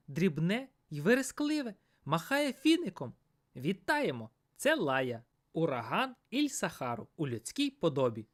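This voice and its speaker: A woman reading a children's fairy tale aloud with playful expression. Her pitch rises and falls in a lively way, and her voice sits in the middle. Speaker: storyteller.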